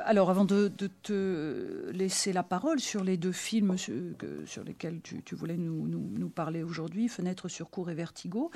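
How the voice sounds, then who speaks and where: A woman's voice: lowish voice, darkish tone. Hesitant woman radio host. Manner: hesitant, reads quotations aloud. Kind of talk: talk radio film discussion.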